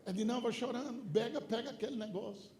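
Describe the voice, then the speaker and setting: A Brazilian man preaching, telling a personal story that breaks into shouted exhortation. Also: very high-pitched, fast talker, a little hiss or hum. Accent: Brazilian Portuguese. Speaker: pastor. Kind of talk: sermon with storytelling. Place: church hall. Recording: echoey church with faint ambience.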